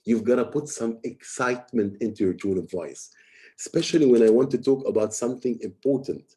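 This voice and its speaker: A young man coaching an audience on presentation skills, his voice mellow and warm. He speaks with emphatic energy and often repeats words as he works through a point. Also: mid-range voice, a little fast. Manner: animated, emphatic, repeats words while explaining. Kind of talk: teaching talk on presenting.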